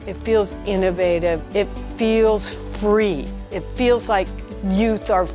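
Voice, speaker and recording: A woman speaking about a youth arts program as its leader, enthusiastic and emphatic. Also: medium pitch. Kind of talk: documentary interview.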